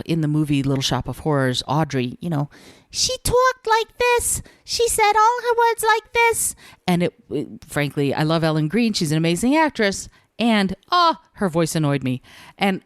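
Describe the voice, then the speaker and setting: A woman with a notably low voice hosts a solo podcast, speaking in a measured, deliberate way and leaving room for pauses. The sound is dry and close, with no room around it. She talks like a coach giving advice. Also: darkish tone, no room sound. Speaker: podcast host and communication coach.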